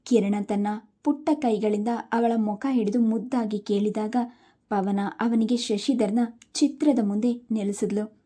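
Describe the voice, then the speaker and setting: A woman reading a family drama story aloud in a steady, emotive way. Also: medium pitch, measured pace.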